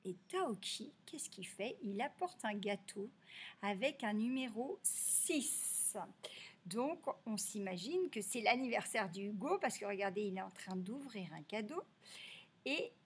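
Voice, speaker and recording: A woman teacher giving a slow, clearly articulated reading lesson for young children, stretching out key words. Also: mid-range voice, lively intonation.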